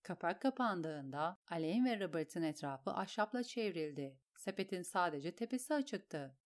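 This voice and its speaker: A woman narrating an audiobook with a steady, descriptive reading. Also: fairly low pitch, moderate pace.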